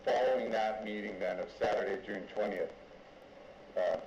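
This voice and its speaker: A man questioning a witness as a lawyer in court, deliberate and halting, going step by step. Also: fairly low pitch, steady tone, vocal fry. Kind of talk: formal courtroom examination. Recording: echoey, dull courtroom audio with noise.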